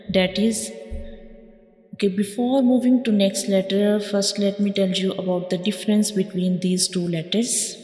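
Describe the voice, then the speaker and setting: A woman's voice: mid-range voice, darkish tone, reverberant, long reverb tail. A woman teaching Quran letter pronunciation step by step, repeating each point and modeling the sounds. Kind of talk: slow step-by-step pronunciation lesson.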